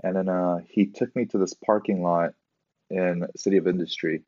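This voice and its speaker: A man from Southern California, a podcast guest, telling laughing anecdotes in a relaxed, casual way. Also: low voice, normal speed, no room sound, dull audio. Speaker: guest, professional drift driver.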